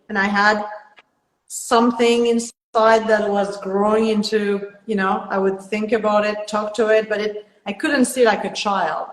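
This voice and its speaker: A woman with a French accent talking casually as a podcast host. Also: medium pitch. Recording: echoey, reverberant room.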